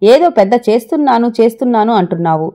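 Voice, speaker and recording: A woman's voice: on the high side, expressive, fast, dark tone. A woman voicing a proud young husband in a family quarrel, talking sharply and reproachfully. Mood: resentful.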